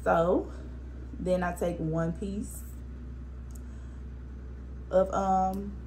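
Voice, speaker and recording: Woman, tutorial host, relaxed and instructive, phone mic, faint background hiss. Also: mid-range voice, extremely slow. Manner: relaxed, instructive, talks through each hand step. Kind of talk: casual step-by-step tutorial. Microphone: phone propped up on a spray bottle.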